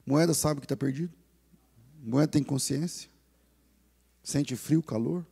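A man with a Brazilian Portuguese accent preaching a sermon as pastor, animated and acting out the inner voices of lost people. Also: medium pitch, a little slow, gravelly, husky, big-room sound.

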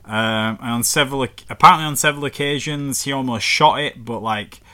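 A man's voice: mid-range voice, fairly quick, sharp tone. A man with a northern English accent, chatting casually and swearing as he reads out history facts. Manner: rambling and sweary, reading facts aloud. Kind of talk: casual chat.

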